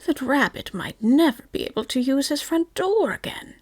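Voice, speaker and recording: A woman voicing a gentle, simple-minded male teddy bear in whispered role-play, slow and plaintive. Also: high-pitched, lively intonation, pitched above the performer's own voice. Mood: gloomy.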